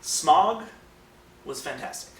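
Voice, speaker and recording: A man's voice: a little high, expressive, slow pace, fairly bright tone. A man co-hosting a film podcast, chatting casually and rambling with many fillers. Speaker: podcast co-host. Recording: roomy, distant mic, faint noise.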